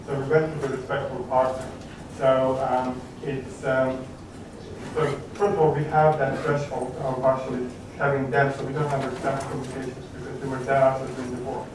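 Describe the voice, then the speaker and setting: Man, conference speaker, halting answers, far from the mic in a reverberant room with background noise. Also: mid-range voice, little pitch movement. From Croatia. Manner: hesitant, many fillers and restarts. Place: large conference hall. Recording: echoey hall from a distant mic, background noise.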